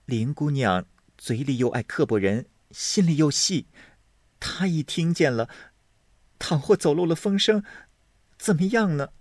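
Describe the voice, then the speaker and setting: Male reader voicing young maidservant, eager and deferential, raised lively pitch, dry booth. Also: moderate pace, no echo. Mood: anxious. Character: quick clever young maidservant.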